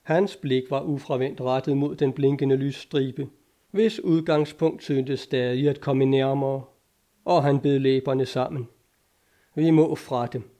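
A man narrating an adventure audiobook in a measured, dramatic reading. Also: medium pitch, steady tone, mellow.

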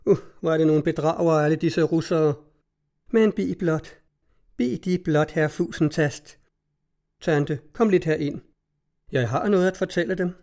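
Guy doing a teasing young woman, sing-song and a bit higher, storybook reading. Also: pauses often, a little mellow, natural voice. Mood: scornful.

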